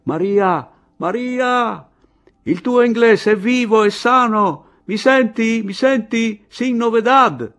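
A man reading aloud, voicing a sturdy woman who shouts good news from the woods below. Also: very high-pitched, steady tone, slow, few pauses, pitched above the performer's own voice. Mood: jubilant shout. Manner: shouting across a distance.

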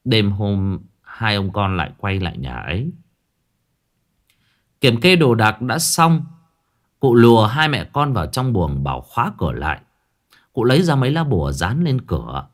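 A man, narrating a ghost story in a dramatic, expressive manner. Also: lowish voice, normal speed.

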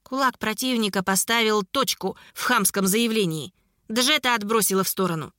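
A woman narrating a fantasy audiobook in a brisk, expressive reading. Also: medium pitch, dry recording, clean studio sound.

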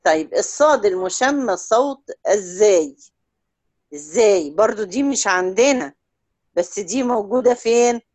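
A woman with an Egyptian Arabic accent teaching Quran recitation one-on-one, stretching example words out slowly and checking in often with short questions. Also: mid-range voice, animated, darkish tone. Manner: drawls out example words slowly to demonstrate sounds. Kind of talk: one-on-one tajweed lesson.

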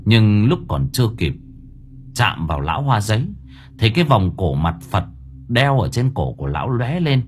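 A man narrating a horror story in a dramatic, expressive way. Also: on the low side, moderate pace, slight background noise. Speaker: audiobook narrator.

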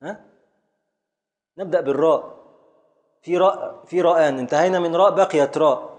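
A man's voice: on the high side, brisk, a little mellow, big-room sound. A man with an Egyptian Arabic accent teaching a classroom lesson, drilling his students step by step with repeated questions.

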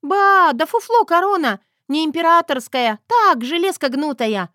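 A woman voicing a brash, mocking young granddaughter in an audiobook, with a shrill taunting delivery. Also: animated, normal speed, fairly bright tone, dry recording, studio quality.

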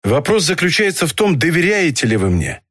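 A man's voice: fairly high pitch, very animated, a little fast, a bit bright, breathy edge, no echo, clean studio sound, heavily acted. A man reading an audiobook, voicing a brusque, commanding doctor. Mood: earnest. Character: middle-aged male doctor, brusque and commanding.

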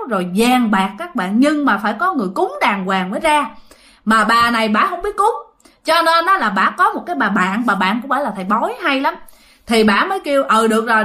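A slightly high, sharp-toned woman's voice carries a Southern Vietnamese accent. She's casually telling a ghost story, chatty and speaking directly to those listening.

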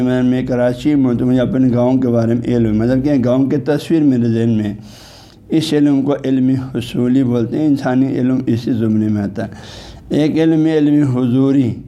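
A religious scholar teaches in a very dark, mellow male voice, unhurried and explanatory. He often pauses to check in with his listeners. He slows down when he recites Arabic scripture and technical terms. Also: mid-range voice. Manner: patient, explanatory, repeats "haan ji" to check on listeners. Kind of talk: religious lecture.

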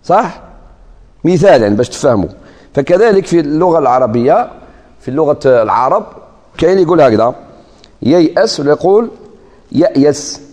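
A man with an Algerian accent giving a religious lesson, reciting verses slowly and explaining them in quick colloquial asides. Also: a little high, very animated, a little mellow. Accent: Algerian Arabic. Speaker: Islamic scholar teaching Quranic sciences. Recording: long hall reverb.

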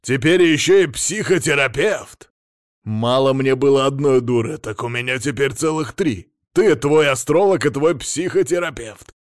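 A man's voice: medium pitch, normal speed, dry recording, clean studio sound, lightly acted. A man voicing a blunt, hot-tempered middle-aged businessman husband. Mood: gruff. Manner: blunt, gruff, loud.

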